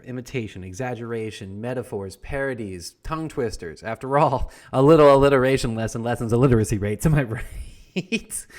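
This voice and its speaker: A man's voice: medium pitch, natural voice. Guy playing young founding father as a teacher, joking around, asks lots of questions. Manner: wry, playful, questioning. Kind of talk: comedic history lesson.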